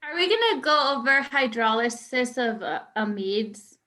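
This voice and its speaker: A woman's voice: fairly high pitch, animated, a little slow, pushed and bright. A woman student in an online class, asking the teacher casual questions.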